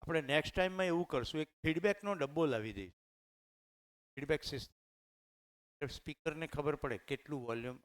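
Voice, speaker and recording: A man's voice: a little high, moderate pace, long pauses. A middle-aged man with a Gujarati accent, telling personal stories in a conversational way to a room of teachers at a training session. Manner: conversational, anecdotal, addresses audience directly. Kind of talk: storytelling talk to teachers. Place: training hall with live audience.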